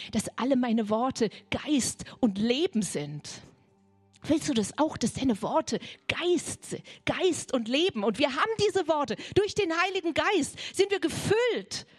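A woman preaching a charismatic sermon, fervent, repeating phrases and dropping to a soft near-whisper. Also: fairly high pitch, slightly rough.

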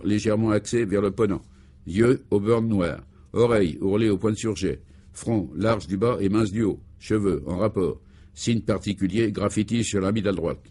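A man playing an excitable, pompous male security chief in a radio serial, who talks in an emphatic, declamatory way. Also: lowish voice, lightly acted. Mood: solemn reading. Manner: agitated and exclamatory. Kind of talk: 1950s-style French radio serial acting.

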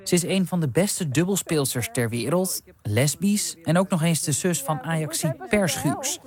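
A man's voice: fairly high pitch, a little mellow. A man narrating his own radio documentary in scripted voice-over, candid and reflective. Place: studio voice-over. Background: music bed.

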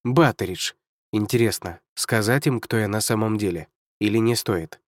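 A man's voice: on the low side, moderate pace, dry recording, studio quality, close to an everyday voice. A man voicing a bewildered, fretful young man in an audiobook, speaking in a plaintive, confused way. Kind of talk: audiobook character voice.

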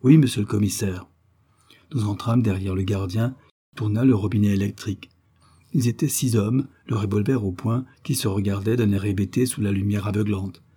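A man reading a comic old short story aloud as narrator, in a measured, dry manner. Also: lowish voice, fairly even intonation, warm tone, husky.

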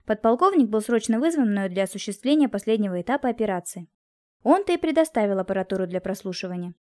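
A woman narrating a first-person detective novel in a steady storytelling manner. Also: mid-range voice. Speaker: audiobook narrator.

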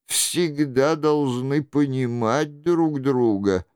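A man voicing a scheming aging queen mother, slow and pleading in a coaxing way. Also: mid-range voice, a little mellow, clear, resonant tone, no echo, clean studio sound, lightly acted.

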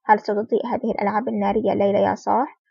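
A woman's voice: medium pitch, racing, gravelly, slightly rough, no echo. A woman reading as a sly, confident male agent. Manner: calm, smiling, sly. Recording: dull lo-fi recording.

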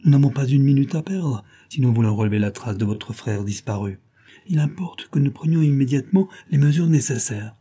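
A man's voice: medium pitch, expressive, a little fast, dark tone, slightly rough. A man voicing a scheming clubman villain who talks in an urgent, pushy way. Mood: eager.

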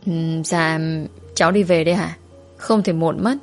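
A polite, timid little schoolgirl from a spoken storybook, read by a woman. The voice sits fairly low for the part, and faint music plays underneath. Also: fairly even intonation, measured pace, darkish tone.

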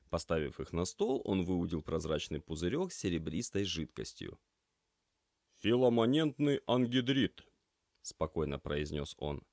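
A man narrating a story as an audiobook reader, in a measured storytelling manner. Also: sits low, darkish tone, no echo, studio quality. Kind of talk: scripted narration.

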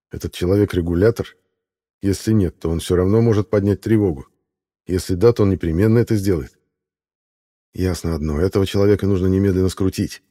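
Deep-voiced male audiobook narrator. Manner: steady, even storytelling.

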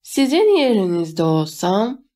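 A dazed teenage drive-thru worker, as a woman reader puts him on in an audiobook. He drawls each word very slowly, sounding far away, with a slightly lifted pitch. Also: big pitch swings, mellow. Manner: very slow, drawling.

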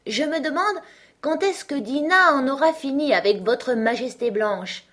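A woman's voice: high-pitched, unhurried, voice pushed up. Alice, a chatty young girl, as a woman reads her. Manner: lively, scolding her cats fondly.

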